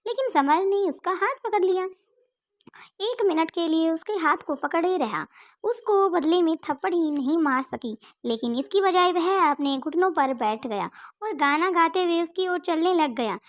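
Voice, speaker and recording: A woman storyteller reading a scripted romance story in an even, recited manner. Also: extremely high pitch, normal speed.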